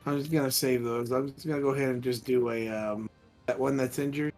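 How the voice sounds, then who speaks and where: A man's voice: medium pitch, steady tone, fairly quick, darkish tone, faint music behind. A man chatting casually as a player in a tabletop roleplaying game.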